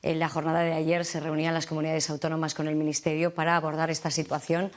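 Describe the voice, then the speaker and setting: A woman hosting a television interview asks long, chatty, winding questions with some hesitations. She talks fast in a low voice with little pitch movement.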